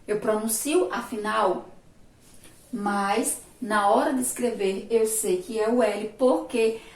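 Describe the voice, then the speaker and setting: Brazilian teacher lady, kinda high voice, far from the mic in a roomy echoey space, slow patient explaining. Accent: Sergipe Brazilian Portuguese. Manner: patient, repeats words slowly syllable by syllable. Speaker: primary school teacher. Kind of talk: remote class lesson at a board. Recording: echoey room, recorded from a distance.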